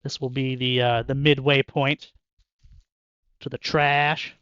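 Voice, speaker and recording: A man's voice: medium pitch, little pitch movement, takes it slowly, a bit bright, clear, resonant tone, no room sound, lo-fi sound. A young man chatting casually and joking with viewers while opening card packs in his bedroom, laughing often. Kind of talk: casual chat with live chat. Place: bedroom at home.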